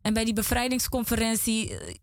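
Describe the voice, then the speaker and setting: A woman's voice: a little high, wildly swooping pitch, a little fast, no room sound. A woman guest in a small studio giving an emotional religious testimony, earnest and repeating words as she talks.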